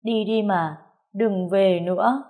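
A woman's voice: medium pitch, slow, warm tone, close to an everyday voice. A woman reading aloud and voicing a seventeen-year-old girl who is tearful and reproachful.

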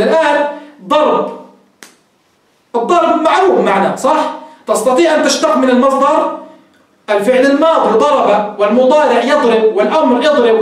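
Man giving a lesson, quick talker, high voice, recorded from a distance in a big echoey room. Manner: explanatory, asks rhetorical questions and answers them. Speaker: sheikh teaching Islamic legal theory. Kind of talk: classroom lecture. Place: classroom with a whiteboard. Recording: echoey room, mic far off.

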